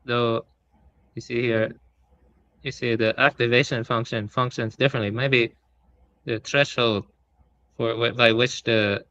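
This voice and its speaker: A man's voice: medium pitch, fairly even intonation, a little slow, long pauses, a bit bright, muffled recording, a little hiss or hum. A man in a casual chat explaining neural networks, hedging with lots of fillers. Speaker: podcast participant.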